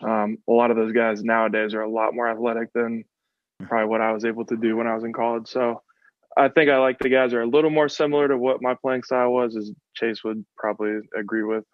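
Man, 20s, from the West Coast, coach, measured, flat delivery, lo-fi sound. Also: mid-range voice, no echo. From West Coast of the United States. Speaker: football coach. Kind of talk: interview answers. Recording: slightly dull, lo-fi sound.

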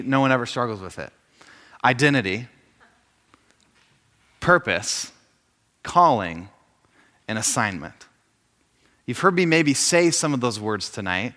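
Bright-voiced man preaching in a reverberant hall. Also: mid-range voice. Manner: joking, storytelling, lots of asides. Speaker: speaker at a faith gathering. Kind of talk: informal sermon talk.

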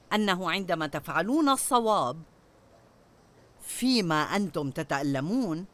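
A woman's voice: lowish voice, fairly bright tone. An older woman preaching a sermon, putting rhetorical questions to her listeners. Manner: asks the audience rhetorical questions.

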